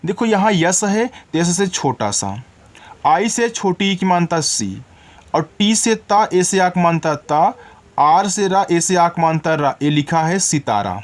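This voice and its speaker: A man's voice: high-pitched, expressive, unhurried. A man teaching beginners to read, patiently spelling out words letter by letter and sound by sound. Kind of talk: phonics lesson for beginners.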